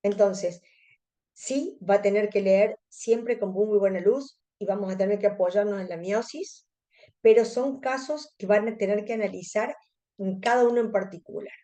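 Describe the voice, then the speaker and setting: A contact lens specialist from Córdoba, Argentina, presents an educational webinar, explaining material to fellow specialists in Cordobese Argentine Spanish. Her voice is mellow and medium in pitch, at a moderate pace.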